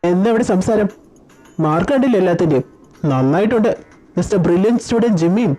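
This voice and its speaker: A woman's voice: medium pitch, expressive, dark tone, faint music behind, natural voice, rough recording. A woman voicing a strict male schoolteacher who scolds his student in a fan audio drama. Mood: stern. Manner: stern, rapid scolding.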